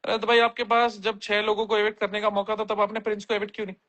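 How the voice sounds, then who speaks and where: A man's voice: sits high, completely flat delivery, fast, bright, forceful tone. A man on a casual livestream, reading viewer comments aloud and answering them bluntly with plenty of slang.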